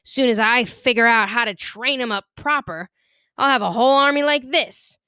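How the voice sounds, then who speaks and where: A woman's voice: fairly high pitch, moderate pace, pushed and bright, clear, resonant tone, no room sound, clean studio sound. A woman reading as a blunt, scowling peculiar boy. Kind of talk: audiobook character reading.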